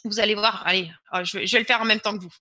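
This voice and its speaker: A woman's voice: mid-range voice, steady tone, racing, bright, forceful tone, dry recording. A woman presenting an online webinar and walking viewers through a screen-share demo, urging them on and repeating words for emphasis.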